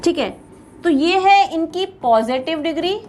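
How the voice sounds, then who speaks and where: A woman with an Indian accent teaches grammar in a high, light voice. She is patient, spells out word lists one at a time and repeats them for her students. Faint sounds of writing on a board come through behind her. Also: animated, measured pace, darkish tone, a little hiss or hum. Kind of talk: classroom lecture explaining grammar.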